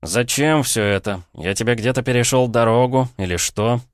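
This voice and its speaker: A man's voice: mid-range voice, moderate pace, no room sound, clean studio sound, pitched above the performer's own voice, lightly acted. A man voicing a defiant, cool-headed young male mage who speaks firmly and steadily in a storybook reading. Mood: calming. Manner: firm, steady, challenging.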